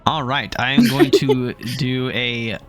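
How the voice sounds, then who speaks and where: A man's voice: medium pitch, slow, loud music behind the voice. A man running a homebrew tabletop game as game master, narrating with many fillers and restarts.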